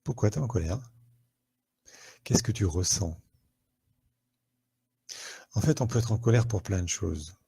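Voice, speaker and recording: A man's voice: on the low side, lively intonation, measured pace, creaky, long pauses, dark tone, breathy edge. A French man, a therapist, hosting a live online talk to viewers, conversational and full of questions and fillers, on a headset mic.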